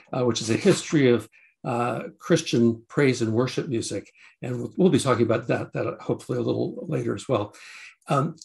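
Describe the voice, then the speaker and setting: A man's voice: medium pitch, creaky, darkish tone. An older man hosting an interview over a video call, speaking enthusiastically with frequent fillers and restarts, from a home study.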